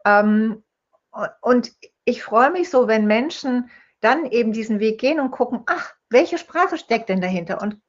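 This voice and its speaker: A woman's voice: on the high side, expressive, moderate pace. Woman telling stories, dull lo-fi sound. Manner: storytelling, acts out quoted speech. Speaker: guest, holistic dental health speaker. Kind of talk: conversational interview.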